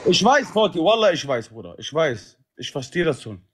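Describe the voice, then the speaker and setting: A man's voice: fairly high pitch, sing-song, normal speed, a little hiss or hum. A man in his thirties bantering on a livestream, slangy and repetitive, calling out to viewers. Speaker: livestream host. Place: indoors, living room. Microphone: phone at arm's length.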